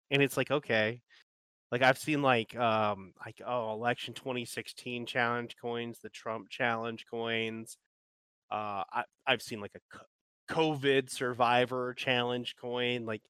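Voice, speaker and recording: Guy ranting on a podcast, rambling, says like a lot, bright clear voice, dry sound. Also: medium pitch, no room sound. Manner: rambling, ranting, heavy use of filler "like". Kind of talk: casual chat.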